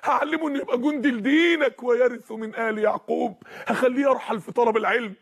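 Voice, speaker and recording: A man's voice: very high-pitched, steady tone, fast. A man voicing an aged male prophet who pleads with God for a son, speaking with an Egyptian Arabic accent and tearful, repeated cries. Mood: fervent.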